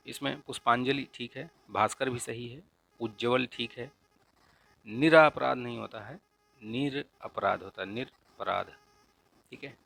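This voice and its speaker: A man teaching an exam-prep lesson in a casual, explanatory way, often checking in with "ठीक है?" and slowly repeating correct spellings. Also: medium pitch, creaky, bright, forceful tone. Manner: frequent checks of "ठीक है?" and filler "अ"; repeats the right spellings slowly to stress them. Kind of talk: casual explanatory lesson, walking through a paper.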